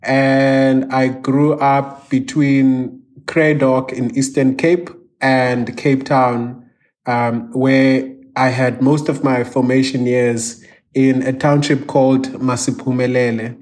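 A man's voice: mid-range voice, a little mellow. A man in his thirties from South Africa, an artist answering interview questions in a reflective way, with restarts. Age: 30s.

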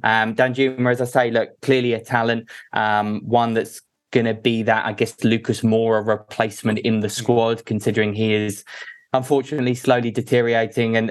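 A man's voice: medium pitch, level tone, moderate pace. A man talking through football opinions as a podcast guest, casual and conversational.

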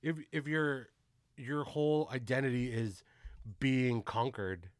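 A man's voice: medium pitch, slow, no room sound, studio quality. A man hosting a casual podcast, laid-back and slangy, swearing and asking "you know what I mean" a lot. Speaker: podcast host.

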